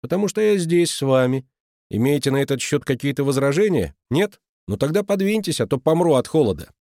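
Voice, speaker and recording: A man's voice: a little high, sing-song, brisk, warm tone, no room sound, clean studio sound, voice pushed up. A man voicing a bold, teasing teenage girl who talks in a cheeky, colloquial way.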